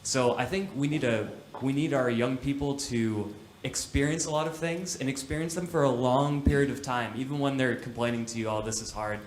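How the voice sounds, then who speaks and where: A man's voice: medium pitch, brisk, few pauses. A man from the United States speaking on a conference panel, thoughtful and conversational, speeding up when he makes a point. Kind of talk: panel discussion. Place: conference stage. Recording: roomy hall with faint noise.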